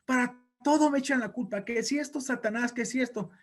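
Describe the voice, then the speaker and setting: A sobbing, self-pitying devil whines and complains in a high, strained voice, as a man puts him on. The voice climbs well above a normal speaking pitch and stays there, plaintive and sulky. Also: fairly quick. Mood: whining. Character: whiny self-pitying male devil, crying.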